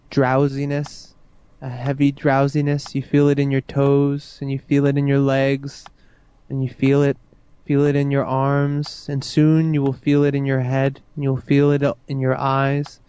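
A man talks a listener into hypnotic sleep in a slow, soothing, repetitive way. His voice is smooth and mellow, held low and even. The recording sounds dull and lo-fi. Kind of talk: guided hypnosis induction.

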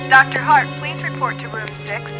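A voice heard over a hospital intercom, making measured, repetitive paging calls to doctors. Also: high-pitched. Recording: echoey, distant intercom under loud music.

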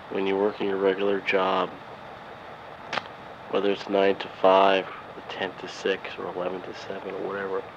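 A man murmurs a rambling, weary audio diary into a dictaphone, sighing between thoughts. His voice sits fairly low, and the tape sound is dull and lo-fi with steady noise underneath. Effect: dictaphone tape recording, lo-fi. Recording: lo-fi tape recorder with background noise.

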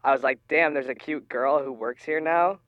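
A man's voice: medium pitch, normal speed, dry recording, lo-fi sound. Man with a disguised voice, dry recording. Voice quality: voice electronically disguised. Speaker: interview guest. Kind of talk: casual chat.

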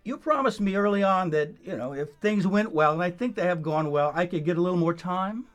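High-voiced man, halting radio fundraiser host. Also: animated. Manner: halting, repetitive, pleading delivery. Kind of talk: casual fundraiser banter.

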